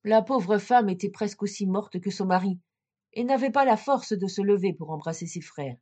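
Woman reading a classic fairy tale. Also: medium pitch. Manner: measured, expressive narration. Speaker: storyteller.

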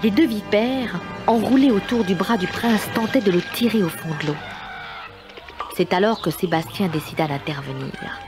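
Woman storybook narrator over clear music. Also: mid-range voice, moderate pace. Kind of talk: scripted dramatic storybook narration.

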